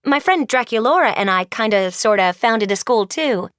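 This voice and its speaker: A woman's voice: expressive, moderate pace, no room sound, studio quality. A woman voicing a brave, eager teenage monster girl who speaks earnestly and urgently. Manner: earnest, urgent, higher and louder than the narration.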